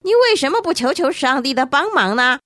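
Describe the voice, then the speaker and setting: A scornful rich man sneers and taunts in a high, swooping voice, put on by a woman telling a children's Bible story. The mocking tone rides up and down. The sound is close and dry. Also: big pitch swings, fairly quick, pushed and bright, no echo, full character voice. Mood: sneering.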